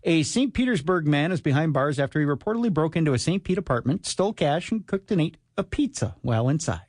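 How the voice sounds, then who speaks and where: A man's voice: a little high, expressive, quick pace, darkish tone, dry recording. A man hosting a radio show, reading strange crime stories aloud and cracking jokes between them, often laughing. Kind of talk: joking banter reading news stories.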